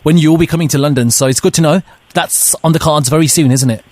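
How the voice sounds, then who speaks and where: A man with a slightly high voice hosts a radio interview from a studio, reading listener questions aloud with lots of uh's in between. The sound is dry and close to the mic. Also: fast, darkish tone, no room sound. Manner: reads listener questions, many uh fillers. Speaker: radio host.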